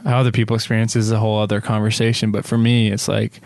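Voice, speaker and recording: A man musician reflects aloud in a slightly low, smooth voice, pausing with fillers and restarting his thoughts. The recording is dry and close, with no room echo. He sounds like a guest in a relaxed podcast chat. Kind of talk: casual interview chat.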